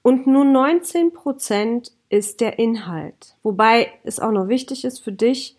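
A woman's voice: on the high side, unhurried, a little mellow. A woman hosting a podcast, explaining points in lists and speaking directly to her listener. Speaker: podcast host. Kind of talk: informal podcast lecture.

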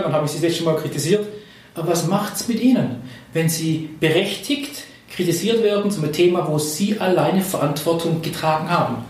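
Guy explaining leadership stuff, kinda high voice, super echoey room, mic a bit far. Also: a little mellow. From Swabia, Germany. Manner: explanatory, asks questions, coaching tone. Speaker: podcast host and leadership trainer. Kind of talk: conversational podcast talk.

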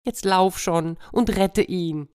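A woman's voice: lowish voice, slow pace, darkish tone, clean tone, pitched above the performer's own voice. A woman voicing a fussy, anxious farmyard hen in a children's storybook tale. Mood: urgent. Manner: fretful, insistent.

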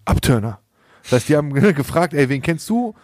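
A man's voice: on the high side, sing-song, normal speed, a little mellow, no echo. Young man, podcast host, slangy storyteller who laughs a lot, dry close sound. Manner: slangy, laughs often, acts out quoted dialogue. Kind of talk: casual storytelling chat.

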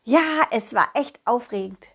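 A woman narrating a children's audio story in a playful, animated way, also speaking as the main character. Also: a little high, a little slow, vocal fry, breathy edge.

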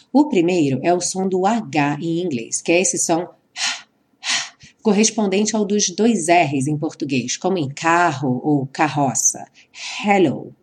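Woman, English teacher, slow and careful delivery, lively lower voice. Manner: slow, careful, drawn-out model sentences. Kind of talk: explaining English for Portuguese speakers.

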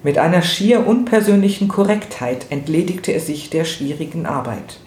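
A man reading literary prose aloud in a measured, expressive way. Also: fairly high pitch. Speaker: reader. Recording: roomy with faint noise.

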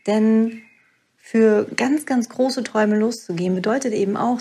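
A woman's voice: medium pitch, vocal fry, a little mellow, breathy edge. A young woman, a mother, telling a personal story in an earnest, emotional way, with many fillers and restarts. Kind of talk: reflective personal monologue.

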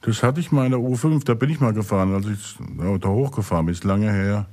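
Low-voiced man with dry humor. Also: fast, darkish tone. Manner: dry, self-ironic humor. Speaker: podcast co-host. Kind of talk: casual chat.

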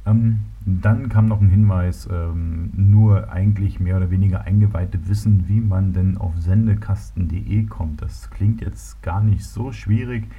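Through tinny, phone-like audio comes a low, slightly rough male voice, a little slow and with few pauses. The speaker, a Berlin native hosting his own podcast, chats in a relaxed, hesitant way, full of fillers and restarts.

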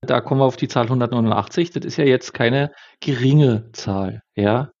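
A man interviewing a guest, summarizing his answers and probing with measured questions. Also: medium pitch, a little mellow, highs cut off.

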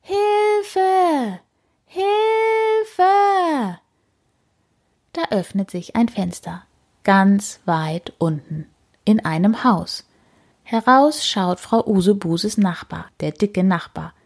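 A woman reading a children's story aloud, slow and expressive with deliberate repetition. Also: medium pitch, vocal fry, husky.

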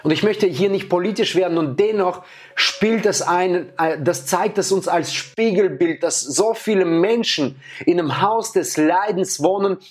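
A man's voice: high voice, a little slow. A man giving a motivational talk as a life coach, asking rhetorical questions and repeating key phrases.

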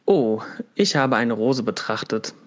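A man voicing a slow, calm and contemplative snail in a read-aloud fable, speaking gently and without hurry. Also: medium pitch, highs cut off. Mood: serene.

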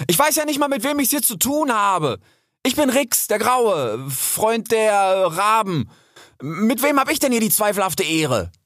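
A man's voice: high-pitched, very animated, unhurried, fairly bright tone, no echo, clean studio sound, voice pushed up, exaggerated voice. A man doing a young grey fox. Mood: bold. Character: young male grey fox, timid turned bold.

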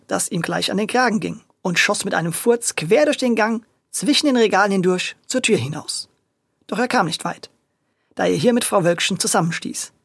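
A storyteller reading a children's audio story in a lively way. The voice is gravelly and husky, with a middling pitch. The recording is dry and close. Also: dry recording. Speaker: narrator.

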